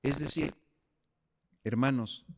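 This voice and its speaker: A man's voice: medium pitch, slow, a little hiss or hum. A man preaching a sermon as pastor, speaking directly to the congregation.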